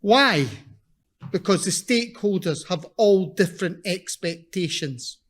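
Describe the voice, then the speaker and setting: A man with a broad Scottish accent giving a conference presentation in a blunt, emphatic, deliberate manner, repeating his key points. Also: high voice, expressive. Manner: slow, deliberate delivery for non-native listeners. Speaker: invited seminar speaker.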